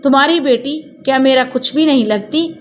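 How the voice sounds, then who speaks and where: A loving grandmother voiced by a woman in a storybook reading, calm and firm as she corrects the family. Gentle at heart but stern when needed. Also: sits high, normal speed, soft background music, pitched above the performer's own voice, natural voice. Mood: hurt. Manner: calm, admonishing.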